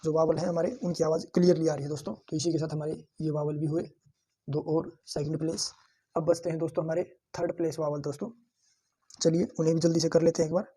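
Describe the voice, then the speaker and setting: A man teaching a shorthand lesson, saying each word slowly and several times so students can repeat after him, and calling his viewers friends. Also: on the high side, little pitch movement, warm tone, husky. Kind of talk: lesson with drilled repetition.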